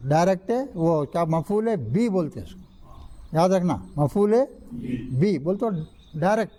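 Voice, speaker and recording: Older man teaching grammar, mellow voice. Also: high voice. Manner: asks the class questions and answers them himself, repeats key rules. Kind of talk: classroom lecture. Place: mosque classroom.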